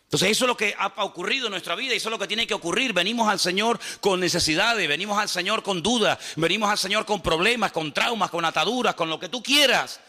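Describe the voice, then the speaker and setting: A man preaching a lively sermon as pastor, animated and humorous, using repetition, rhetorical questions and acted-out dialogues. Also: high-pitched, fast, hardly any pauses.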